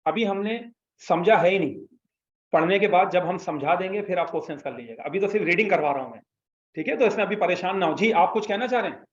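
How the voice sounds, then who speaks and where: A man's voice: high voice, expressive, fast. A man teaching an Arabic class, patiently explaining and prompting students to repeat after him. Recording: echoey room, slightly dull sound.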